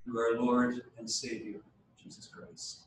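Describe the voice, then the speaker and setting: A man's voice: mid-range voice, monotone, slight background noise. Man speaking in a cathedral echo. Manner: measured and formal, with occasional halting restarts. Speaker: church leader opening a diocesan meeting. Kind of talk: formal address and liturgical prayer. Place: large church hall. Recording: cavernous church echo from a distant mic.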